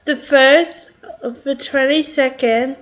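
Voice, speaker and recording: A woman reading a script aloud in an excited, giggly way, stumbling over words and stopping to react. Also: high-pitched, slow pace. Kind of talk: excited read-through with commentary.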